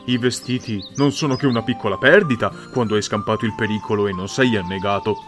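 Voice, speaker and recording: A man voicing a jolly, commanding forest spirit in an audiobook reading, chanting in a loud, clear, authoritative voice. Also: lowish voice, fast talker, over music, lightly acted. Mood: commanding, joyful.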